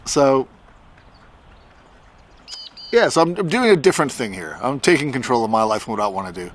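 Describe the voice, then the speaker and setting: This fifty-year-old vlogger from Australia, a tattoo artist, talks to camera outdoors in his farm's front yard, giving an informal, conversational update. His mid-range voice is very animated, at a moderate pace.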